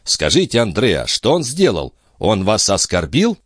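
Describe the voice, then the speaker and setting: A good-natured young officer greets people warmly, pitched high above the reader's usual voice, played by a male narrator. Dry, close recording. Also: wildly swooping pitch, measured pace, husky, no room sound, exaggerated voice. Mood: puzzled.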